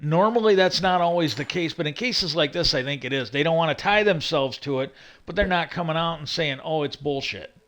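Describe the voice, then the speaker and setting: A man's voice: on the high side, fairly quick, a bit bright. A man hosting a livestream, talking casually and rambling about a topic with many restarts and asides while he plays. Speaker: livestream host.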